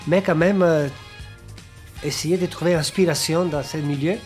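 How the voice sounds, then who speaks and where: A male musician interviewed on the radio, speaking thoughtfully and hesitantly with many pauses. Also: on the high side, fairly even intonation, darkish tone, soft background music. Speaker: musician guest.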